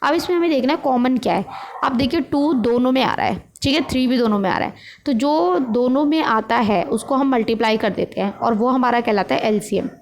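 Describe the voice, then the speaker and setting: A woman's voice: a little high, fairly quick. A woman teacher, patiently walking students through a maths worksheet and answering her own questions. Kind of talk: maths lesson explained step by step.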